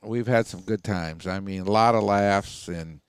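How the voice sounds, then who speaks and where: Dude rambling on about his hunting dogs, folksy, lots of uh and and, smooth lowish voice, dry mic. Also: measured pace, no room sound. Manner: folksy, rambling with many fillers. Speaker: coonhound kennel owner. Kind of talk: casual storytelling. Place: podcast recording session.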